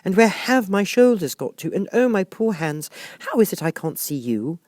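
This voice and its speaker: A man voicing a polite, puzzled little girl in a storybook, earnest and questioning, quick to protest. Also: sits high, sing-song, a little mellow, no echo, clean studio sound, voice pushed up.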